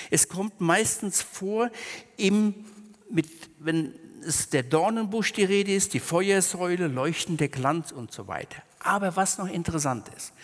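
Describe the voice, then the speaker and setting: A man with a slightly high voice gives a sermon in a hall with a long reverb tail. He explains scripture conversationally, mixing in homely asides. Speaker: preacher.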